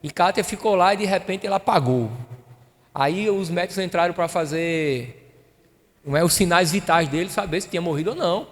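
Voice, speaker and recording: A man's voice: high-pitched, fairly quick. A male pastor, preaching a sermon in a church and telling a personal story with emotion, acting out the dialogue. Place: church hall. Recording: reverberant hall.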